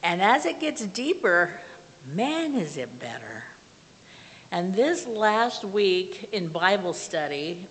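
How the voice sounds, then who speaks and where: A woman's voice: lowish voice, a bit bright. An older woman giving an earnest, plainspoken testimony and prayer from a pulpit in a small church, recorded from the back of the room. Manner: earnest, plainspoken, with slow measured phrasing. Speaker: lay speaker giving a testimony. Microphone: far camera from the back of the room. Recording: reverberant church hall with faint hiss.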